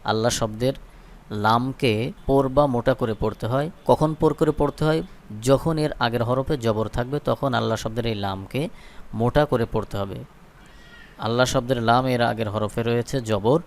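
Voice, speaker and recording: Man, Bangladeshi Bengali accent, Quran teacher, spells syllables, slow chanted repetition, mid pitch. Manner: spells out syllables, then chants them slowly. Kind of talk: recitation lesson.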